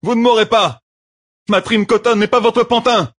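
A man voicing a desperate, defiant young male gambler who shouts heatedly. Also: medium pitch, animated, moderate pace, breathy edge, dry recording, studio quality, pitched above the performer's own voice. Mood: furious.

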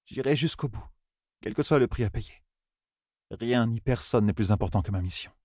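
Male reader as an icy audiobook sorceress, hushed and grave. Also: medium pitch, animated, moderate pace, no room sound, clean studio sound, pitched above the performer's own voice, natural voice. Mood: cold, distant. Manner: quiet, icy and solemn. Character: cold, aloof female sorceress on a mission.

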